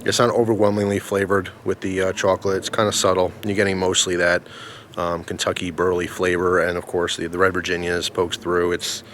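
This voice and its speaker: A man giving a casual product review in a rambling, halting way, recorded outdoors. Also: sits low, monotone, fairly bright tone, slight background noise. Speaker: pipe tobacco reviewer. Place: outdoors in the snow in winter.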